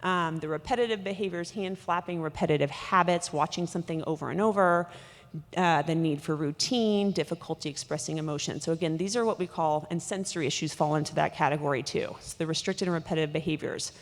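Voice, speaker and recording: A woman doctor giving a conference lecture, talking quickly with lots of fillers and restarts, in a large conference hall. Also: low voice. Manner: rapid, with many fillers and restarts. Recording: hall reverb.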